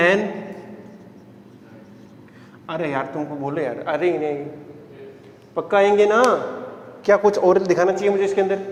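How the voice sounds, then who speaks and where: Guy teaching physics, fairly high voice, keeps asking if you got it, big echoey room. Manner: coaxing, checks understanding with repeated questions. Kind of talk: classroom lecture. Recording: echoey classroom, long reverb.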